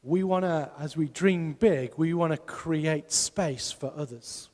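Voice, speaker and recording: Slow, emphatic pastor in a reverberant hall. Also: male voice, on the high side, a little mellow. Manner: emphatic, asks the congregation rhetorical questions. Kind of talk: sermon. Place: church hall.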